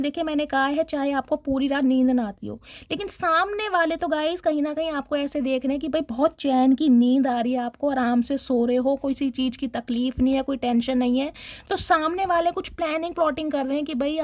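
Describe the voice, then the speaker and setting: High-voiced chatty woman reading tarot. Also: no room sound. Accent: Hindi. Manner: chatty, dramatic, mixing in English words. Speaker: tarot reader.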